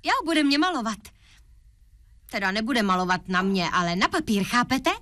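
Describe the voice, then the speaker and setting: An actress playing a feisty, quick-tempered young woman in a dubbed TV drama. She speaks in a bossy, indignant way. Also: on the high side, animated, a bit bright, no echo.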